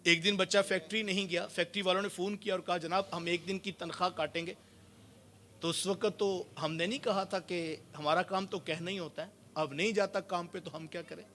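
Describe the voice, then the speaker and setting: Man, high voice, sermon, storytelling, loud-soft swings. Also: fairly even intonation. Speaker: Islamic preacher.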